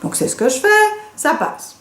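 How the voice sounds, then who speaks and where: A woman doctor with a French accent, teaching a course, who tells a patient case in a lively way and acts out the dialogue. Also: moderate pace. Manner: lively, animated storytelling with quoted dialogue. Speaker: doctor and trainer. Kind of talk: storytelling lecture. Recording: echoey room.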